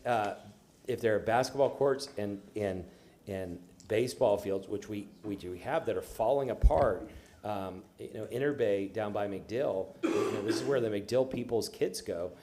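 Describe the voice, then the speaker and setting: A man on a city council, questioning staff at a public budget hearing in a halting way, with many restarts. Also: on the low side, dark tone. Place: council chamber.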